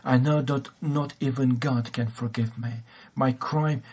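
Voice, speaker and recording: A man voicing a broken, repentant male prison guard confessing in halting phrases within a sermon. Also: mid-range voice, steady tone, a little mellow, slightly rough. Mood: remorseful.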